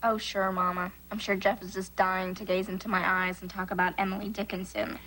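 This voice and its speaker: A woman's voice: medium pitch, little pitch movement, brisk, close to an everyday voice. An actress playing an earnest, sarcastic teenage girl in a sitcom. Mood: dry. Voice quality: sarcastic, wry. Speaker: teenage girl working at a fast-food restaurant. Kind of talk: 1990s sitcom acting. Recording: noisy TV sitcom recording, live audience.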